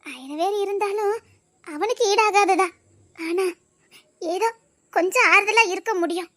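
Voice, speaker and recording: A woman's voice: extremely high pitch, unhurried, fairly bright tone, no room sound, studio quality. A woman acting in a family drama, speaking in an emotional, comforting way. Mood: consoling. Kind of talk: Tamil serial drama acting.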